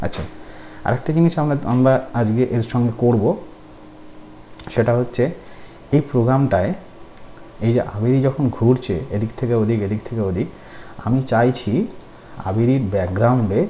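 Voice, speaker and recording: A man's voice: medium pitch, mellow. A man teaching a coding class. He explains patiently, step by step, and asks his students questions. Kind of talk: screen-recorded tutorial. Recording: faint background noise.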